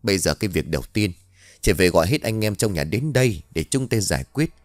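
A man's voice: deep voice, expressive, quick pace, no echo, studio quality. Man doing a firm older villager. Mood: urgent. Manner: firm, instructing.

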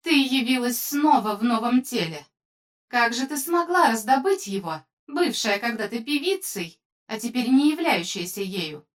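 A woman voicing a stern, imperious unseen voice in a storybook reading, slow and measured. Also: fairly high pitch, lively intonation, far from the mic, voice pushed up, lightly acted.

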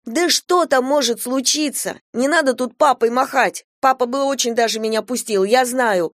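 A defiant young girl yelling and protesting in a storybook reading, her voice pitched high and loud, as a woman narrator puts her on. The sound is dry and close, with no room around it. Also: moderate pace, dry recording, close to an everyday voice. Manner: wailing, shouting, indignant.

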